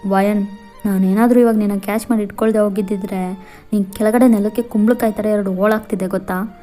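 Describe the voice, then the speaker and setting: A woman's voice: medium pitch, steady tone, a little fast, warm tone, soft background music, lightly acted. A woman voicing a bossy, stubborn young husband, speaking in a firm, commanding way. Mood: teasing.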